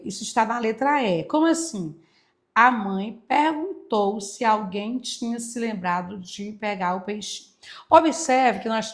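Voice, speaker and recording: Woman teacher going over exam answers, higher-pitched, emphatic, drags out key words slowly. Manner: asks and answers her own questions. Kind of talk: exam walkthrough lesson.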